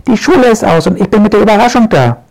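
A man voicing a cheerful little girl witch in a storybook, calling out brightly and excitedly. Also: a little high, a little fast, creaky, voice pushed up.

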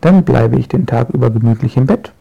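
Man as a drowsy gravelly old wizard. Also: mid-range voice, animated, fairly quick, dark tone, dull audio. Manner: drowsy, contented mumbling. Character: grumpy, lazy old wizard father.

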